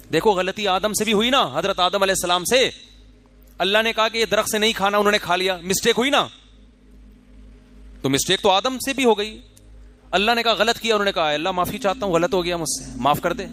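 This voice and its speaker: High-voiced man preaching conversationally. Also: a bit bright. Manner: conversational preaching with acted quotes and rhetorical questions. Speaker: Islamic scholar. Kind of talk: sermon.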